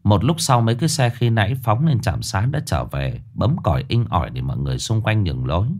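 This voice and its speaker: A man narrating a ghost story in a dramatic, expressive reading. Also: lowish voice, quick pace.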